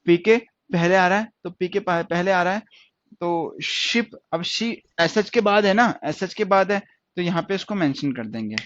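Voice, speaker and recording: A man teaching stenography in an online lesson, explaining step by step and repeating words and sounds slowly. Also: high-pitched, a bit bright, no echo. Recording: dry, dull lo-fi sound.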